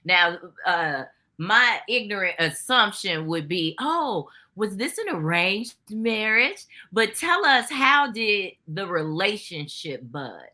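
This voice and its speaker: A woman's voice: medium pitch, very animated, slow pace, sharp tone. A woman hosting an interview podcast, enthusiastic and hyping up her guest. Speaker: podcast host.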